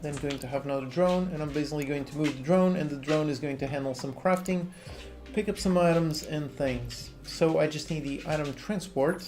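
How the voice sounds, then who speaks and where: Working on a game during a casual livestream, a Portuguese-accented man in his thirties reads chat questions out loud and responds frankly, staying relaxed. His pitch is fairly high and he talks fairly quickly, recorded in an indoor home office over quiet lofi music.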